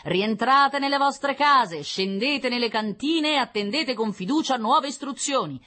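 Woman voicing a police loudspeaker announcer, stern, official, drawn-out. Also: high-pitched, animated, voice pushed up, exaggerated voice. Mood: commanding.

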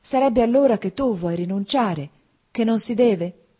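A woman reading a novel aloud, voicing an emotional, impulsive young bride in a breathy voice. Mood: alarmed. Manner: high, excitable, quick to alarm. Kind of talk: audiobook character reading.

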